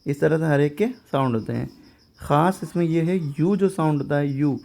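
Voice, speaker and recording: A man teaching English grammar in Hindi. He explains each point step by step, keeps asking if it is clear, and reads the English example sentences slowly. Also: on the high side, a little mellow. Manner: explains step by step, often checks understanding with questions.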